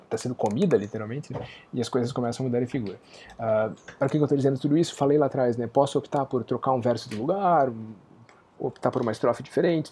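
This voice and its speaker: A middle-aged Brazilian man gives a literature lecture in a mellow, somewhat husky voice. He reads poetry lines slowly and then unpacks them in a loose, conversational tone, often tagging sentences with "né?". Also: mid-range voice. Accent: Brazilian Portuguese. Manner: reads the English verses slowly, then explains casually with frequent "né?". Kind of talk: recorded lecture reading and translating a poem.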